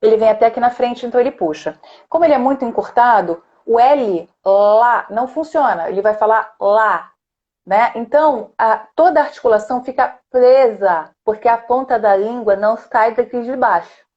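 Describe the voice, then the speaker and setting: A woman speech therapist with a Rio de Janeiro Brazilian Portuguese accent explains voice technique in a live online chat, demonstrating sounds and frequently tagging points with "né?". Her voice is a little high at normal speed, with lo-fi sound.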